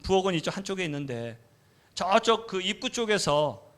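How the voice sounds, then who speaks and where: Korean male missionary preacher, slightly high voice, chatty storytelling sermon, acts out quotes. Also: very animated, moderate pace, a bit bright. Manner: conversational, frequent affirming fillers, acts out quoted voices. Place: church sanctuary.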